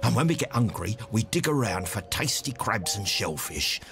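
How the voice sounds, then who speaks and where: A man's voice: lowish voice, very animated, moderate pace, creaky, music in the background. A man voicing a cocky, territorial triggerfish tough guy in an educational cartoon, brash, boastful and slangy.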